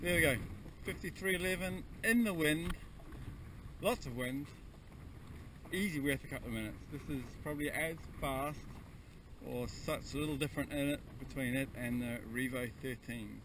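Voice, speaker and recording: A man kayaking on a windy harbour, talking to himself in a relaxed, matter-of-fact way as he films the trip on an action camera mounted on the kayak. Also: fairly high pitch, moderate pace. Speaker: kayaker filming his own trip. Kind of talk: casual running commentary. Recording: wind-battered action camera audio from a distance. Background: wind and splashing water.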